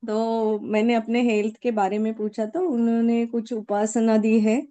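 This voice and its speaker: A woman's voice: fairly high pitch, little pitch movement, measured pace, dark tone. A woman participant in a group session, sharing her experience hesitantly with many fillers. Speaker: workshop participant.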